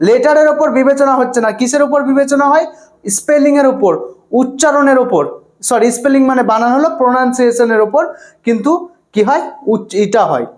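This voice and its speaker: A man's voice: extremely high pitch, steady tone, brisk. A male English teacher with a Bengali accent gives an online exam-prep lecture, repeating words and asking rhetorical questions that he answers himself. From West Bengal, India. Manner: repeats words and often says "okay".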